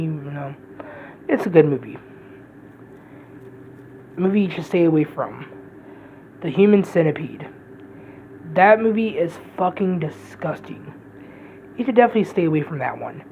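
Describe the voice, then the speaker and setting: A woman's voice: sits low, phone-quality sound, slight background noise. A woman giving a casual, rambling movie review, blunt and profane, often restarting her sentences.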